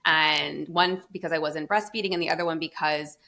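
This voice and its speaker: Emphatic lower-voiced woman, bright and forceful. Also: steady tone, a little fast, creaky. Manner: passionate and emphatic, explaining at length. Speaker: guest, pediatric feeding and myofunctional therapist. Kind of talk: casual podcast conversation.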